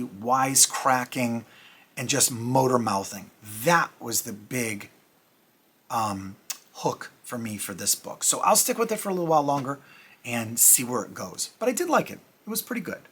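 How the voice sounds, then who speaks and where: Man, middle-aged, husky voice, casual vlog host, rambling, self-deprecating. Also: medium pitch, fairly bright tone. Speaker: comic review channel host. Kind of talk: casual comic review vlog.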